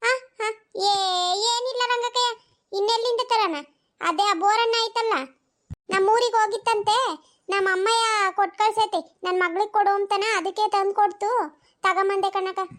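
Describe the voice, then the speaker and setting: Cartoon village neighbor, voiced by a performer, sly, evasive, squeaky high voice. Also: steady tone, normal speed, a bit bright. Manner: evasive, mutters asides. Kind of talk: cartoon voice acting.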